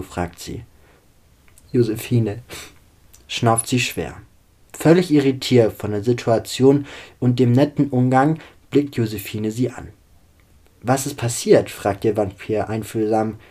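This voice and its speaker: Male storyteller, calm and even delivery, middle pitch. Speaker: narrator. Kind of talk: story reading.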